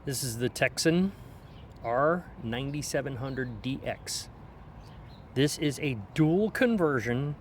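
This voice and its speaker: A product reviewer, a man with a medium-pitched voice, gives a casual hands-on gadget review out on a back deck. His delivery is informal and explanatory, and the recording picks up outdoor background noise.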